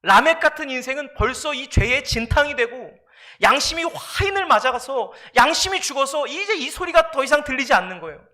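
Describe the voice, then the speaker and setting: A male pastor delivering a sermon in a very high voice. His tone is sharp and forceful, and he leans on repeated phrases. He speaks to the congregation directly and emphatically. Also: animated, brisk.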